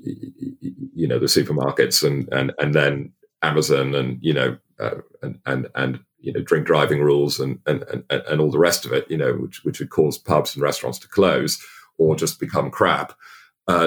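Very deep, husky-voiced man, halting. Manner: halting, many restarts and fillers. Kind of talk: casual podcast chat.

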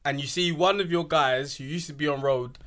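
A man's voice: on the high side, fairly quick, a bit bright. A young man with a London urban roadman accent, chatting casually in slang and throwing questions at the group.

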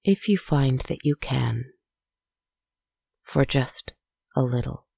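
A woman softly narrating a guided relaxation story in a hushed, soothing, spa-like manner, with deliberate, poetic phrasing. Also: a bass voice, lively intonation, vocal fry, slightly rough, dry recording, clean studio sound.

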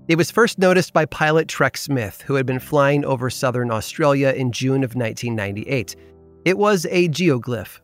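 A man reading scripted storytelling narration. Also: mid-range voice. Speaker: podcast narrator.

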